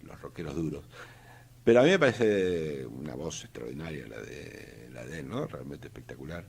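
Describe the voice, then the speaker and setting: This older Argentine economist has an extremely low, creaky, darkish voice with a breathy edge, and he talks animatedly at normal speed. Fielding casual interview questions in Argentine Spanish, he hesitates often, using many fillers and restarts.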